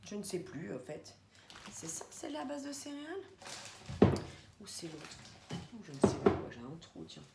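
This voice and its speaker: In an echoey home room with faint background noise, a woman rambles through a grocery haul vlog, talking directly to her viewers. Her mid-range voice is sing-song and creaky, moving at a moderate pace with long pauses.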